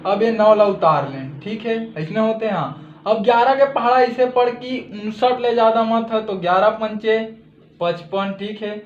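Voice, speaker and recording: A man's voice: high voice, moderate pace, slight background noise. A man with a Chhattisgarhi accent explains a math lesson step by step, checking in with listeners after each step. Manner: steady step-by-step explaining, frequent "theek hai" checks. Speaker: math teacher. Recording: echoey room, dull lo-fi audio.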